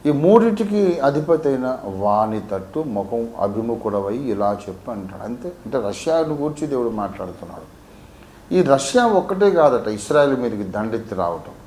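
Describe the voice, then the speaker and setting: A man from Warangal, a pastor teaching a Bible sermon, swinging between quiet asides and emphatic peaks. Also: medium pitch, echoey room, slight background noise. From Warangal, India.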